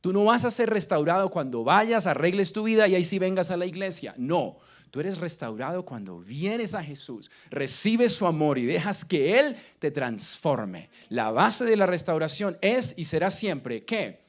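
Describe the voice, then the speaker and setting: A man with a Colombian accent preaching a sermon, asking the congregation questions and swinging between loud emphasis and quiet lines. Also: sits high, big pitch swings, moderate pace. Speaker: pastor.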